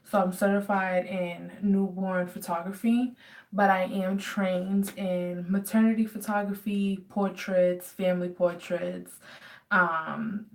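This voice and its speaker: A woman's voice: mid-range voice, fairly even intonation, slow, recorded from a distance. A woman in her twenties from the United States chatting casually in a home Q&A vlog, rambling with many fillers. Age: 20s. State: dry throat. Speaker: vlogger.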